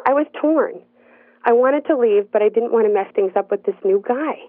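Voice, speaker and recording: A woman telling a personal story in the first person, in an earnest, measured narrating voice. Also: a little high, dry recording. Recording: dry, tinny phone-like sound.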